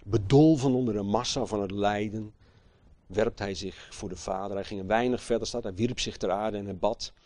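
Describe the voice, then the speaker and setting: A man preaching a sermon with passion, swinging from hushed, slow phrases to loud, emphatic outbursts and asking his listeners rhetorical questions. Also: on the low side, fairly even intonation, dry recording.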